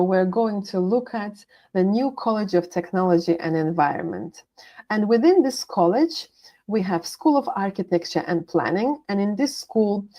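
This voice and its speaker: Uni manager lady reading out course lists, warm relaxed voice. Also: mid-range voice. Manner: methodical, listing course names. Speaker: university international manager. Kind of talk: scripted presentation.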